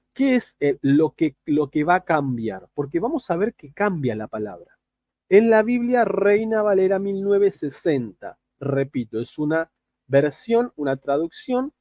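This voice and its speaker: A man teaching in a chatty, questioning way. His voice sits a little high and swings widely in pitch. The recording is dry and somewhat dull. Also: dry recording. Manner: lively, chatty explaining with many asides and questions. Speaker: video teacher. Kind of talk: informal screen-share lesson.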